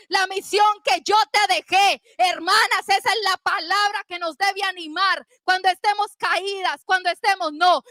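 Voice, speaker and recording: A woman's voice: very high voice, bright, forceful tone, dry recording, studio quality. A woman preaching a fervent sermon to a women's group, exhorting with repeated calls to pray and keep going.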